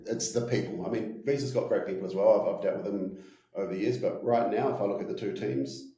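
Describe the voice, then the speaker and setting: A man's voice: fairly low pitch, warm tone, echoey room, poor audio. A man in his forties with a broad New Zealand accent, talking informally in an interview and often checking in with "right?". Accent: broad New Zealand (Kiwi). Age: 40s. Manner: informal, peppers talk with "you know" and "right?". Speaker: company executive being interviewed. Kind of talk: casual interview talk.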